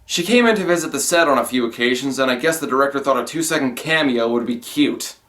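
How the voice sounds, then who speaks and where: A man's voice: medium pitch, fast talker, a bit bright. A man giving a sarcastic, exasperated scripted film review. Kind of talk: scripted comedic review narration.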